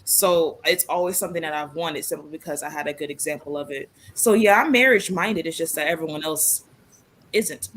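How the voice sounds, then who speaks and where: A woman's voice: low-pitched, brisk, fairly bright tone. A twenty-year-old woman guest speaking earnestly and thoughtfully on a casual talk show.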